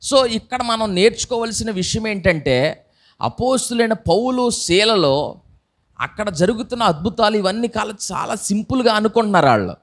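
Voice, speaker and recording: High-voiced man preaching a lively sermon. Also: normal speed. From India. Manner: lively preaching with acted-out voices and rhetorical questions. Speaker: pastor. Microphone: microphone.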